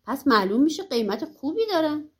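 A woman's voice: high-pitched, very animated. A woman voicing a greedy, hot-headed peasant man in a folk tale.

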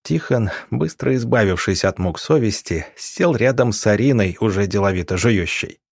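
Man reading an audiobook, lowish voice, measured, dry close mic. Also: lively intonation, gravelly, a little mellow, breathy edge, dry recording. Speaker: narrator. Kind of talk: audiobook narration.

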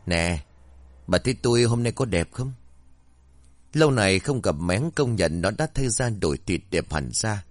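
A man reads a ghost story aloud with an expressive, dramatic delivery. His voice is low-pitched and swings widely in tone. The recording is dry and close with no room sound. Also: no room sound.

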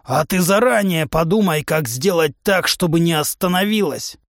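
A man's voice: fairly high pitch, normal speed, no echo, studio quality, close to an everyday voice. A man voicing a huge, hot-tempered male musk-ox humanoid who trains fighters with a club, in a blustering drill-sergeant manner. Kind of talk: audiobook character voice.

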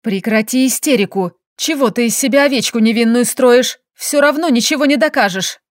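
A woman's voice: a little high, unhurried, no echo, studio quality, close to an everyday voice. A woman doing a scornful scheming coworker. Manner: scornful, hissing, mocking. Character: scheming spiteful young woman colleague.

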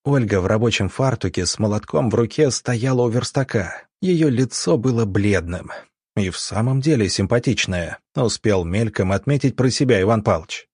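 A man narrating a story in a steady, measured way, with a husky voice. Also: medium pitch, no echo, clean studio sound. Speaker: audiobook narrator. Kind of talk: scripted narration.

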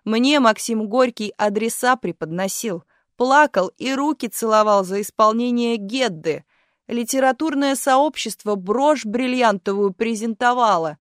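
Woman doing a stuck-up old stage diva, shrill and scolding, storybook reading. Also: normal speed, no room sound, clean studio sound, natural voice. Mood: indignant. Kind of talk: audiobook character voice.

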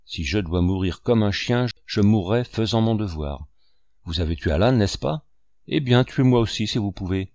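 A man playing a proud, honest sailor whose hoarse voice trembles as he stands his ground. The voice sits low and is recorded dry and close. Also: animated, moderate pace, a little mellow, no echo. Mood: defiant. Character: honest, stubborn male sailor, gruff and proud.

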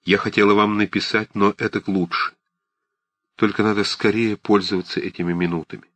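Man reading a quiet serious young woman, low husky voice, gentle but firm. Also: steady tone, fairly quick, no echo. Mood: earnest. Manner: quiet, earnest, restrained. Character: pale, tired young woman, gentle and resolute.

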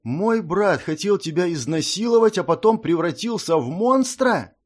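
A man's voice: sits high, animated, moderate pace, pitched above the performer's own voice. A man voicing an earnest young lord who speaks eagerly and with agitation. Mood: astonished.

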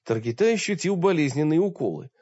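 A man narrating an audiobook in a steady storytelling manner. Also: fairly high pitch, quick pace, breathy edge, dry recording. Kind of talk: scripted narration. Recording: dull dry recording.

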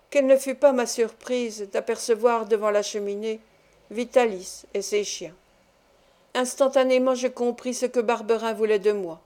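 A woman narrates a classic novel in a measured, expressive reading. Her voice sits a little high but sounds mellow and warm. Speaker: audiobook narrator. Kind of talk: literary audiobook narration.

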